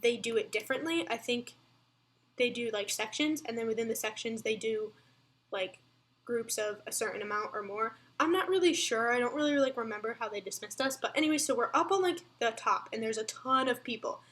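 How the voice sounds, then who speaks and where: A woman's voice: fairly high pitch, a little fast, a bit bright. A young woman telling a storytime vlog, chatty and breathless, full of fillers. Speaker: vlogger.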